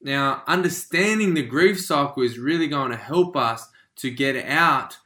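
Upbeat man, bright echoey voice. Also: medium pitch, unhurried. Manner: energetic, repeats "right?" and "you know"; acts out quoted feelings. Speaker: podcast host, life coach. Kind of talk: motivational talk.

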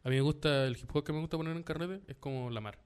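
A man's voice: on the high side, fast, clean tone. A man with a Chilean accent co-hosting a podcast in casual, slangy banter, acting out scenes with sudden squeals. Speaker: podcast co-host.

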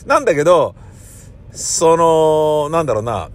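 A man's voice: on the high side, animated, a little slow, a little hiss or hum. A middle-aged man hosting a casual solo talk, rambling with many fillers and acting out quoted remarks. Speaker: podcast host.

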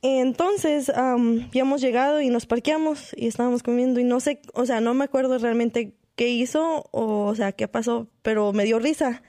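A woman's voice: fairly high pitch, moderate pace, hardly any pauses, warm tone, no room sound, studio quality. A woman in casual group chat, mixing English words into her talk with lots of fillers. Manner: mixes English into Spanish, many fillers.

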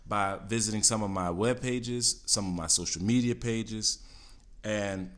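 A man's voice: lowish voice, unhurried, fairly bright tone. A man coaching listeners on healthy eating and exercise in a solo podcast episode, casual, often checking in with "all right?" and "okay?". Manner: casual with fillers and self-corrections. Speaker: fitness coach.

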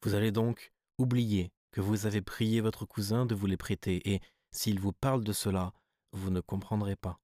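Brief: man doing a composed, commanding hypnotist doctor, low and dry. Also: little pitch movement, moderate pace, mellow, no room sound, close to an everyday voice. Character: calm, assured male hypnotist doctor.

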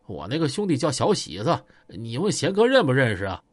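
A man's voice: mid-range voice, wildly swooping pitch, fairly quick, dry recording. A man doing a deferential Northeastern ex-con. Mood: pleading. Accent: Northeastern Chinese. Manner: pleading, deferential.

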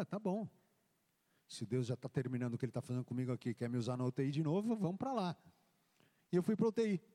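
A man, a pastor, telling his testimony in a church service, acting out the dialogue as he tells it. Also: a little high. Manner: animated storytelling, acting out dialogue. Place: church hall. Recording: long church hall reverb.

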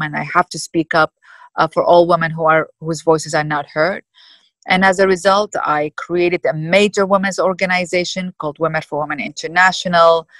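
Deep-voiced woman from Iraq, thoughtful. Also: fairly bright tone, no room sound, rough recording. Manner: thoughtful, many pauses and fillers. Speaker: guest. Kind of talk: reflective interview answers.

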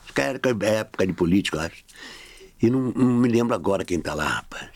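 A man's voice: on the low side, animated, fast, a little mellow, no echo. A middle-aged man telling a long anecdote in casual podcast talk, acting out the dialogue with shifting voices. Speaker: podcast guest. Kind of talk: casual storytelling.

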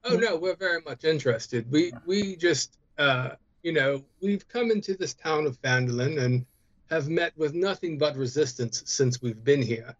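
A man with a fairly high voice plays a tabletop role-playing game. He improvises in character, politely and haltingly diplomatic. The mic sounds slightly dull. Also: expressive.

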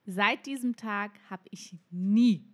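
A woman's voice: mid-range voice, takes it slowly. A woman co-hosting a casual podcast, telling a story animatedly and dropping English phrases. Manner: animated storyteller, mixes in English phrases, quotes others dramatically. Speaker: podcast co-host.

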